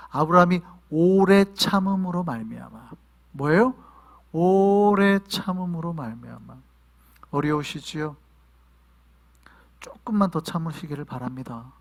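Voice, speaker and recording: A male pastor preaching a sermon to his congregation, asking them questions and sometimes shouting. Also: on the high side. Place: church in New York.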